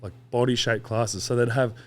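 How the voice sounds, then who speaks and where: A man's voice: medium pitch, fairly even intonation, moderate pace. A man, a podcast guest telling long stories in a casual, rambling way with quoted asides and swearing. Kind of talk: casual interview chat.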